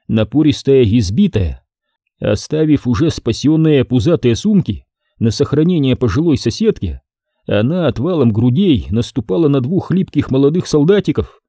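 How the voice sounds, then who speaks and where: A man narrating a detective audiobook in the first person, with wry, lively storytelling. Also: medium pitch, breathy edge, dry recording, clean studio sound. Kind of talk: scripted narration.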